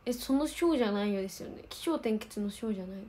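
Speaking rapid-fire with lively intonation, a woman in her twenties from Osaka uses a mellow, medium-pitched voice. She is an idol livestream host with a light Kansai accent who chats casually while answering viewer comments.

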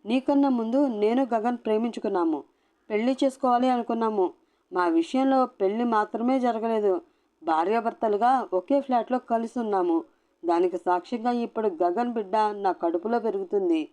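A woman's voice: mid-range voice, lively intonation, normal speed, mellow, natural voice. A woman voicing a clingy, scheming young woman who taunts and defies in a storybook reading. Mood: defiant.

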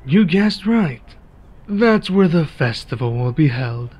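Playing a relaxed, friendly werewolf local in one-sided ASMR roleplay, this man talks casually with measured pauses. His voice is on the high side and very animated, while the recording has its highs cut off.

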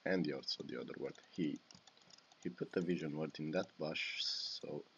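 With a very deep, slightly bright voice at normal speed, a young-adult Romanian-accented gaming YouTuber narrates his own gameplay from a small home room. He swears and exclaims at misplays. The recording is muffled with a little hiss or hum.

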